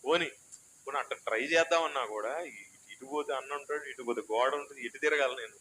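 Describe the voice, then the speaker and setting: A pastor preaching a sermon in a small church hall, shifting between loud exhortation and soft, chatty asides. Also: male voice, mid-range voice, a little fast, slight background noise.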